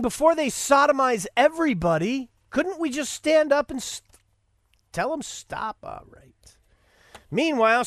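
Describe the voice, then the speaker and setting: A man's voice: extremely high pitch, fairly bright tone, dry recording, clean studio sound. A man hosting a podcast, delivering a sarcastic, rambling commentary monologue with stammered restarts. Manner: sarcastic, mocking. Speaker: podcast host.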